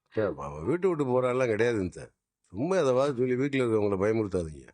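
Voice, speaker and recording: A middle-aged father, played by an actor, calms his worried family with firm reassurance. His speech rises and falls with lively intonation. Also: medium pitch, fast, natural voice. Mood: reassuring.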